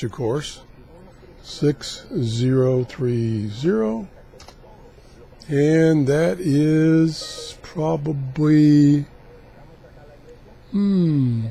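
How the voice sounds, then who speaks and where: A man casually demonstrating radio scanning, haltingly thinking aloud as he goes. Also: mid-range voice, mellow. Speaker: radio hobbyist host.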